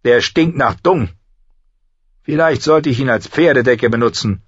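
Viserys, a man voicing a shrill sneering king. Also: a little slow, husky, no echo. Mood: scornful. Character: arrogant cruel young exiled king, quick to rage. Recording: slightly dull recording.

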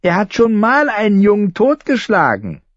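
A man's voice: high voice, huge pitch swings, moderate pace, no echo, voice pushed up. A man voicing a sneering orphan boy who mocks and eggs on the others. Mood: mocking. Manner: mocking, egging on. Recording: slightly muffled recording.

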